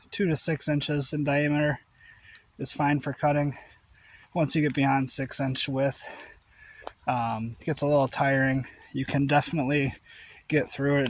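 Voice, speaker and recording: A man's voice: a little high, slight background noise. A man, out of breath after yard work, casually reviewing a tool outdoors. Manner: plain, with fillers. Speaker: product reviewer. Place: outdoors in rain.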